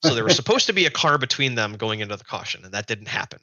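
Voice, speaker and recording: Man, young adult, podcast guest; very bright, dry close sound; rambling animated storyteller. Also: fairly low pitch, quick pace, dry recording, highs cut off. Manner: rambling, animated anecdotes with restarts. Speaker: guest racer.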